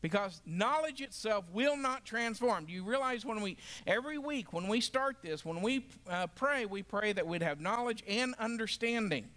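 High-voiced man teaching a Bible class. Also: expressive, moderate pace, hardly any pauses, fairly bright tone. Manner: emphatic, asks the class questions.

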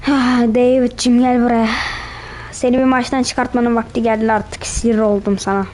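A woman's voice: on the high side, flat delivery, normal speed, a little mellow. A woman commenting on her own gameplay, teasing and trash-talking the other players as she goes. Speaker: gamer.

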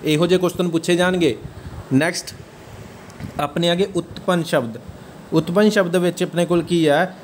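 A man delivers an exam-prep grammar lecture in a slightly high voice. He keeps checking whether his students are following. Faint noise hums under the recording. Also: steady tone, moderate pace, pauses often. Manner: checks understanding with repeated questions. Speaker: teacher.

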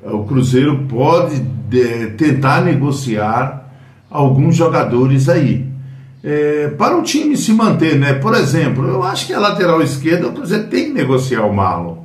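A man's voice: fairly high pitch, big pitch swings, unhurried, recorded from a distance. Rambling Brazilian man in an echoey room. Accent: Brazilian Portuguese. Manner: rambling, many fillers and self-corrections. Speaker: football news host. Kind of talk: casual football news commentary. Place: small room at home. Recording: roomy echo, voice a bit off-mic.

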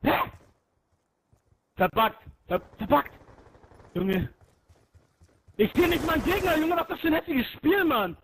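A man raging and yelling during an online shooter match, swearing and taunting his opponents nonstop. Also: very high voice, big pitch swings, unhurried, long pauses, slight background noise, poor audio. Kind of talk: screaming gaming rant.

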